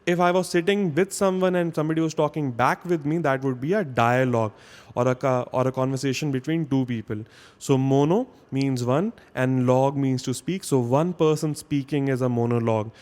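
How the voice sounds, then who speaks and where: A man teaching a vocabulary lesson at a mid-range pitch, in a casual, talky style. He explains each point step by step and keeps checking in with listeners by asking "okay?". He sounds like someone used to speaking to a class. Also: moderate pace, darkish tone. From India.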